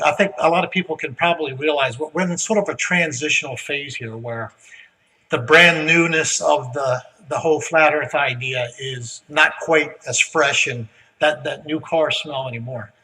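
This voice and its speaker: A man giving a relaxed, folksy conference speech, with frequent "uh" fillers. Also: fairly high pitch, normal speed, recorded from a distance, low-quality recording. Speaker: guest speaker. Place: conference hall.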